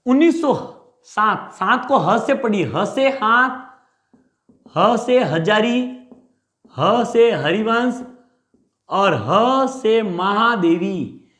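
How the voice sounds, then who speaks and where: A male teacher drills memory tricks for an exam, firing questions and answering them himself. His voice sits fairly high and swings up and down. The room around him is echoey. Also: drawn-out words, pauses often. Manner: animated, repeats answers as call-and-response drills. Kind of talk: mnemonic lecture.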